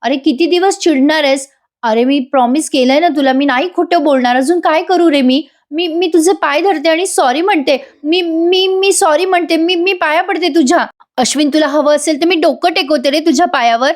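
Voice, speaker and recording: A woman's voice: high-pitched, fairly quick, darkish tone, pitched above the performer's own voice, close to an everyday voice. A woman reading the lines of a young wife begging her husband to forgive her. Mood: pleading. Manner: begging, wheedling. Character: pleading young wife caught lying.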